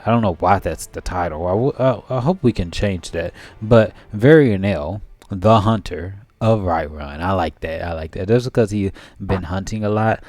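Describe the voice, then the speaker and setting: Deep-voiced man rambling through gameplay. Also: darkish tone. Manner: rambling, thinks aloud, reads game text aloud. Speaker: gameplay commentator. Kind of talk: casual let's-play commentary.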